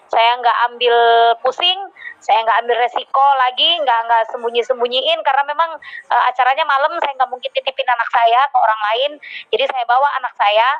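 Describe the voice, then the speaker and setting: A woman telling a heartfelt personal testimony to a congregation, with many hesitant fillers. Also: fairly high pitch. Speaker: church member giving testimony. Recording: dull lo-fi recording.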